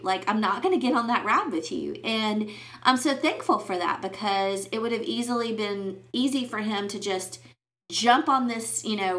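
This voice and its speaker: Woman podcast host just talking it out, candid, lots of ums and restarts, mid pitch. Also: fairly bright tone. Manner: candid and rambling, with many fillers and restarts. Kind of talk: casual faith podcast monologue.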